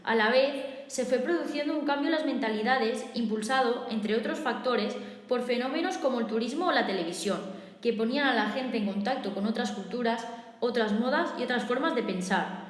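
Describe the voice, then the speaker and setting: A female teacher with a Spanish accent reading a recorded review lesson in a steady, methodical way, listing points one by one. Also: on the high side, fairly quick. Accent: Spain. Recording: echoey room with long reverb.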